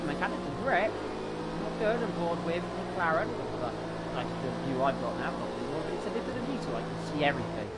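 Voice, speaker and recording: A man doing live motorsport commentary in an excitable, exclaiming play-by-play manner. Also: a little high. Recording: noisy, car engine sound behind.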